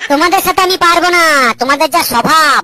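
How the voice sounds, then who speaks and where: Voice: high-pitched, quick pace, sharp tone, no room sound. A voice actor playing a flustered woman English teacher in a cartoon, scolding her class. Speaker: schoolteacher.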